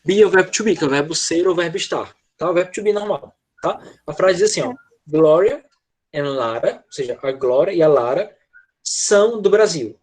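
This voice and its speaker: A man teaching a grammar lesson in an online class, patiently checking in with his students and slowing down to model words. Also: a little high, expressive, a little mellow. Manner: slows down to model English words. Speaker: English teacher.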